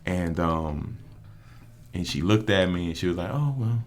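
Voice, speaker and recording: A man's voice: deep voice, fairly even intonation, unhurried, slight background noise. A man, a prosecutor telling stories in a laid-back way with street slang on a casual podcast. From New Orleans. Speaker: prosecutor and judge candidate.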